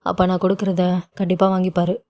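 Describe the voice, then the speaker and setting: Woman voicing a gentle, forgiving father. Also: on the low side, completely flat delivery, fast, lightly acted. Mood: reassuring. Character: calm, forgiving wealthy older father.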